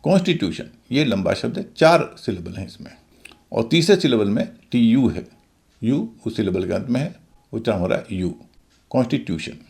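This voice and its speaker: A man's voice: mid-range voice, lively intonation, normal speed, vocal fry, a little mellow. A man teaching English pronunciation in a video lesson, explaining methodically and spelling words out letter by letter.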